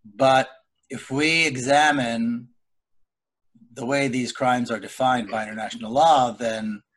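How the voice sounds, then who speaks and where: Middle-aged man on a video call, deliberate and earnest, speaks in halting phrases at an ordinary pitch. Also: fairly even intonation, a bit bright. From Israel. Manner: deliberate, earnest, with frequent pauses and restarts. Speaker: panelist. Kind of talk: personal account in a webinar discussion.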